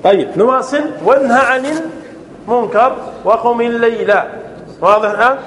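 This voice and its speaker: A man with a high voice gives a classroom grammar lesson, repeating examples over and over so they stick. He keeps checking "clear?" and hands the floor to students. A faint hiss of background noise runs under his voice. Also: normal speed, a bit bright. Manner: prompts students to answer; repeats key phrases to drill them. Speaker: teacher of Arabic grammar.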